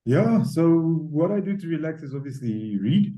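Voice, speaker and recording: A man's voice: on the high side, big pitch swings, normal speed, lo-fi sound. A man in his forties from Zambia, chatting as a guest author with many ums and uhs. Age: 40s. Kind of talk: casual interview chat. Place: home, South Africa.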